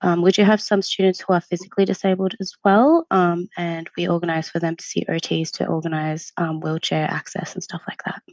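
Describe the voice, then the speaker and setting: A lower-voiced woman from Syria answers questions about student support in a friendly, earnest manner, often pausing on "um." Her voice comes across dry and close, with a dull, lo-fi sound like a livestream. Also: flat delivery, darkish tone, dry recording. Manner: friendly, many ums, earnest. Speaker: university international student support staff. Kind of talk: interview answers. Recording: dull lo-fi stream audio.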